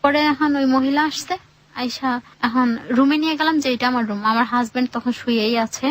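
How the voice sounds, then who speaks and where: A woman's voice: high voice, steady tone, a little fast. A young woman, telling her life story to a radio host in a rambling way and acting out the voices of her relatives. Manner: rambling, acts out quoted relatives. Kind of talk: emotional personal storytelling.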